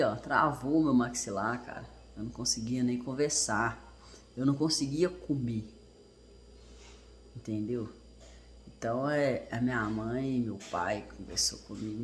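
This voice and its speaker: Brazilian guy, 30s, reflective storyteller, halting and earnest, faint hiss behind. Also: medium pitch, fairly bright tone. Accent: Brazilian Portuguese. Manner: earnest, halting, reflective, with restarts and self-corrections. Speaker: father and vlogger. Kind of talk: casual personal storytelling.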